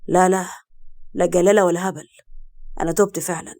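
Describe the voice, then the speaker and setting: A woman's voice: fairly low pitch, fairly even intonation, brisk, a little mellow, lightly acted. A woman voicing a defiant young man, a reformed smuggler, speaking firmly with an Egyptian accent. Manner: defiant and firm.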